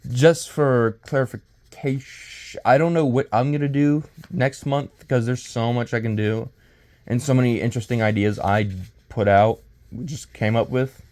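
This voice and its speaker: This male video creator's casual commentary rambles along haltingly, full of stumbles and fresh starts. His voice is mid-range, darkish in tone and fairly even in intonation.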